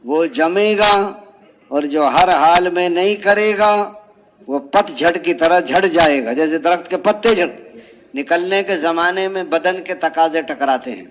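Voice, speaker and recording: A man with a Pakistani Urdu accent preaching an emotional religious sermon, telling parables and asking rhetorical questions. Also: on the high side. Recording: dull lo-fi audio.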